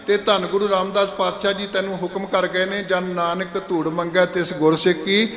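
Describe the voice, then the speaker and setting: A man preaching a sermon in a large gurdwara hall. He chants scripture verses slowly and then explains them in conversational speech. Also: high voice, pushed and bright. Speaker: Sikh preacher giving katha. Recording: echoey hall with long reverb.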